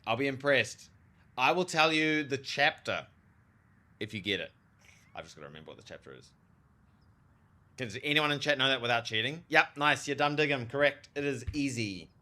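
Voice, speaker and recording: A man with a bright, forceful voice and a pronounced lisp from a dental retainer. He talks casually to his livestream chat, animated and slangy, while he plays a game. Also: mid-range voice, moderate pace, pauses often. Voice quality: lisp, made stronger by a new retainer. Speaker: live streamer, theologian.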